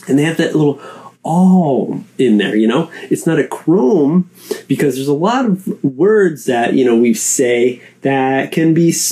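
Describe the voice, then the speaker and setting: A man hosting a solo chat show, rambling and casual, repeating words as he goes and swinging his pitch up and down. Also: darkish tone. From Canada. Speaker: podcast host.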